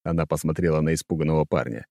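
A man narrating an audiobook in a measured storytelling voice. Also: a bass voice, fairly even intonation, warm tone, no room sound, clean studio sound.

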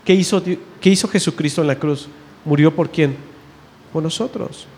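A man giving an informal sermon, chatting with the audience, asking questions and answering them himself, and reading scripture slowly and emphatically. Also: fairly high pitch, creaky, darkish tone. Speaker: lay preacher. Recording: faint noise, long reverb in a hall.

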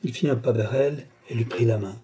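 Brief: male narrator, classic novel, deep mellow tone, breathy edge. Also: a little fast. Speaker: audiobook narrator.

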